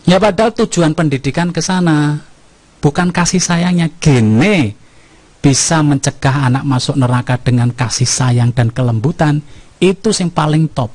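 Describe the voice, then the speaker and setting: A man with a Javanese accent preaching a humorous sermon, telling lively stories and often checking in with "ya kan?". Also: on the high side, normal speed. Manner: lively storytelling, keeps asking "ya kan?".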